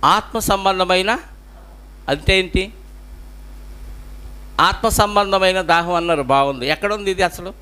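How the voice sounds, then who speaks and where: Male pastor with a Telugu accent, higher voice, preaching and asking the congregation questions. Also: measured pace, pauses often, bright, forceful tone, clear, resonant tone. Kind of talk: sermon.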